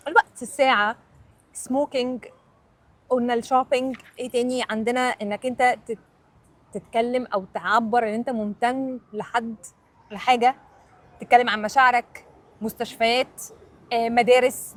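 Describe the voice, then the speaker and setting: A woman English teacher with an Egyptian Arabic accent, answering viewers' questions in a casual explainer video and counting items off aloud. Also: on the high side.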